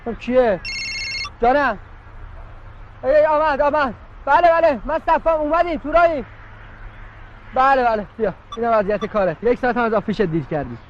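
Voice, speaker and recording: A man's voice: extremely high pitch, lively intonation, pauses often, dull audio, slight background noise. A man voicing a bossy, scolding male assistant director in a cartoon.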